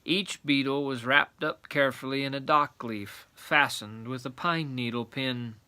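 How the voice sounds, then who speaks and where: A man's voice: mid-range voice, steady tone, a little slow, pushed and bright, smooth. A man narrating a children's storybook aloud in a grandfatherly storytelling manner.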